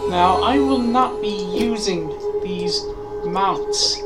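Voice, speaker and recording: A woman's voice: mid-range voice, slow. A woman giving casual gameplay commentary as the host of a gaming video. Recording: loud game music behind voice. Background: game music.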